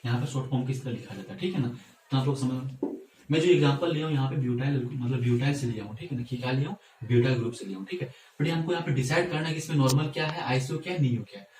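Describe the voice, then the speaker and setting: A man's voice: medium pitch, rapid-fire, darkish tone, a little hiss or hum. Guy teaching chemistry at a whiteboard, keeps asking himself questions, roomy echo, mic kinda far off. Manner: asks and answers his own questions, repeats "theek hai". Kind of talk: whiteboard lesson. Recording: echoey room, mic at a distance.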